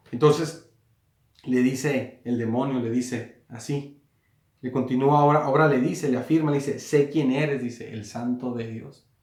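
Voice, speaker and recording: A male pastor gives a sermon from a small room, his mid-range voice ringing off the walls. He repeats and rephrases as he goes, and swells to loud emphasis whenever he reaches a quoted line. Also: mid-range voice, roomy sound.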